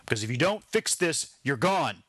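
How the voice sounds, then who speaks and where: A man voicing a gruff, bullying male factory boss who barks contemptuous orders. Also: mid-range voice, sing-song, moderate pace, fairly bright tone, no room sound. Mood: scornful. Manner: barking, contemptuous.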